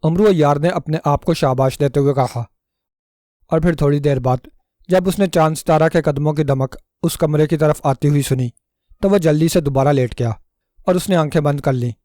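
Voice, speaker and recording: A man narrating a scripted story in a steady, measured way, recorded on a close mic. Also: fairly high pitch, no echo.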